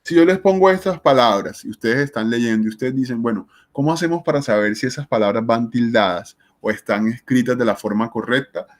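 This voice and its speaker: A man's voice: mid-range voice, fairly quick, few pauses. A male teacher with a mid-range voice walks students through a spelling lesson. He is patient and methodical, asking questions aloud and answering them himself. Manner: patient, explains step by step with rhetorical questions.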